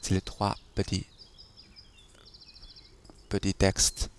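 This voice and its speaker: Slow, low-voiced man teaching tones. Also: monotone, smooth. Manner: patient, repeats syllables to model tones. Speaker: Chinese language teacher. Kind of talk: slow explanatory lesson.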